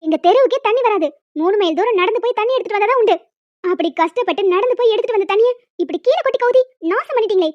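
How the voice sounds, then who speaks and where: A cranky old village grandmother, acted by a woman, hurls insults and threats in a cartoon. Her voice is very high and races along. The sound is dry and slightly muffled. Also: expressive, very fast, no room sound. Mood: indignant. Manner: shouting insults, bossy.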